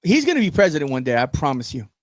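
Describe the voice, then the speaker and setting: A man co-hosting a podcast in casual chat, crude and joking, often bursting into loud laughter. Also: a little high, wildly swooping pitch, rapid-fire, dry recording. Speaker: podcast co-host.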